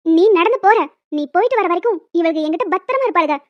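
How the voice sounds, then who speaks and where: A woman voicing a bossy old village grandmother in a cartoon, who shouts insults and threats. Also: very high voice, expressive, quick pace, no room sound, muffled recording. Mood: threatening.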